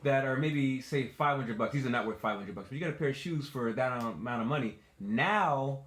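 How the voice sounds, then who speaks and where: Teasing, opinionated male host, mid-pitched voice, recorded in a roomy space. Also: brisk, a bit bright. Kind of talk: casual chat. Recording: echoey room.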